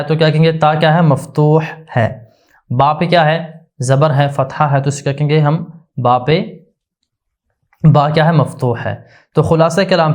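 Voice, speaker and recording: A man giving a religious grammar lesson, slowly explaining and drilling each point by asking a question and answering it himself. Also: fairly high pitch. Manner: slow, deliberate, repetitive explanation. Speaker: religious teacher.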